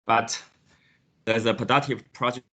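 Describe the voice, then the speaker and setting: A man's voice: medium pitch, steady tone, normal speed, fairly bright tone. A male panelist on a video call adding brief comments, his audio choppy and cutting out. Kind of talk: online panel discussion.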